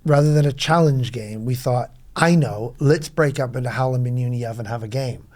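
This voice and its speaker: A middle-aged man rambling through club memories in a casual podcast chat, full of quick asides. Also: mid-range voice, darkish tone. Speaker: club veteran guest.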